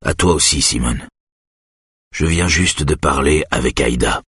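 A man reading an audiobook, voicing a tired older father who speaks softly and with care. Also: rumbling low, husky, dry recording, studio quality, exaggerated voice. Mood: grave. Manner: soft, tired, measured. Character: weary older father, gentle and careful.

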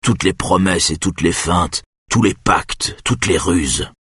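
A man's voice: deep voice, slow, fairly bright tone, breathy edge, no room sound, clean studio sound, exaggerated voice. A man voicing a brutal male captor who speaks with cold contempt. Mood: sneering. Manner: sneering, contemptuous.

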